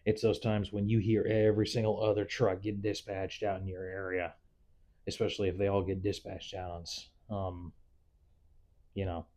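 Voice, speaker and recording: A man's voice: low voice, dark tone. A man talking candidly in a casual, rambling, reflective vlog monologue, like a nurse giving advice to newcomers.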